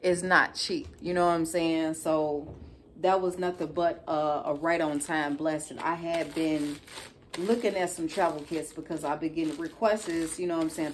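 Low-pitched woman with a Chicago accent. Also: a little hiss or hum. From Chicago, United States. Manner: conversational, colloquial, frequently tags phrases with "you know what I'm saying". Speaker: nail technician vlogger. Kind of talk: casual chatty storytelling vlog. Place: living room at home, indoors.

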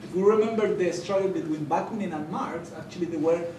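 On a conference panel, a young man from Chile talks earnestly in Spanish-accented speech, stumbling through many fillers and restarts. A far-off microphone captures his slightly high male voice in a reverberant hall, with constant noise in the background.

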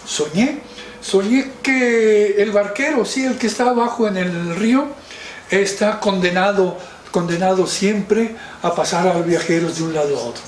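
A man voicing a gentle but cunning dragon's wife who pleads and coaxes, in a children's story. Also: sits high, unhurried, a little hiss or hum. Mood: coaxing. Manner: pleading, sweetly sly. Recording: roomy, distant mic.

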